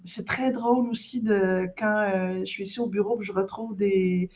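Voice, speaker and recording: Québécoise d'âge moyen au ton moyen, causante et hésitante, en balado. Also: female voice, mid-range voice, steady tone, normal speed. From Quebec. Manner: warm, chatty, many hesitations. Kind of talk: casual podcast conversation.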